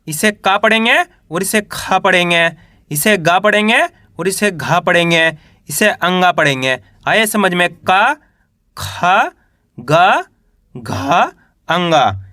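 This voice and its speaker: A man's voice: high-pitched, sharp tone, dry recording. A man teaching reading, patiently drilling each letter with repeated questions and example words. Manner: patient, repetitive drilling of syllables. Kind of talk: classroom-style spoken lesson.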